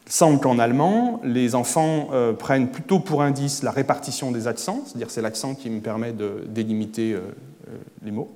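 A man giving an academic lecture at a conference, erudite and hesitant, often pausing on filler sounds. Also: medium pitch, darkish tone, big-room sound. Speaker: conference speaker. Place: conference hall.

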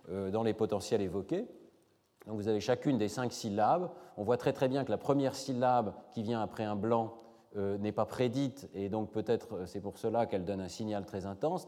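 A man giving a measured academic lecture with slides, pausing often with fillers. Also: on the low side, mellow, big-room sound. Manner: measured, many hesitations.

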